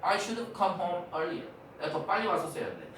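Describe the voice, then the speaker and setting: A man teaching English, explaining a textbook dialogue in quick bursts, repeating key words and correcting pronunciation. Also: sits high, a bit bright. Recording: echoey room, mic at a distance, faint hiss.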